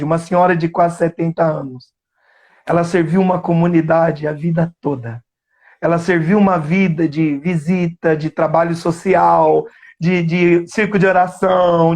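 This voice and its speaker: A man with a Brazilian Portuguese accent recounts a patient's case in a live interview. His voice sits high for a man, and he tells the story earnestly, slowing down to lean on the important words. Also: a little mellow. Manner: earnest, slows down to stress key words. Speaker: psychoanalyst. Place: remote live stream.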